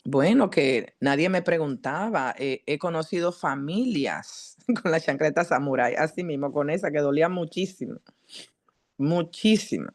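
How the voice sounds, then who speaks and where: A woman psychologist giving a teaching talk at a church, addressing the congregation directly and asking them questions in a lively, earnest way. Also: low-pitched, moderate pace. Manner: lively, earnest preaching delivery.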